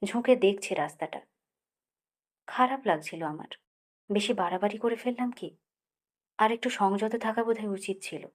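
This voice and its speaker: A woman reading a novel aloud in measured, expressive first-person narration. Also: mid-range voice. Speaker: audiobook narrator. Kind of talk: literary audiobook narration.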